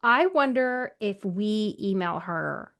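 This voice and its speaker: A woman's voice: mid-range voice, animated, slow pace, a bit bright. Playful woman podcast co-host. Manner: playful, upbeat, laughs at own jokes. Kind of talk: casual book podcast chat.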